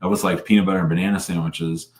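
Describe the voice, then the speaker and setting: Low-voiced male host in an echoey room. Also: level tone, racing. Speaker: live show host and lawyer. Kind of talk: casual live call-in chat. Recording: roomy, echoing sound.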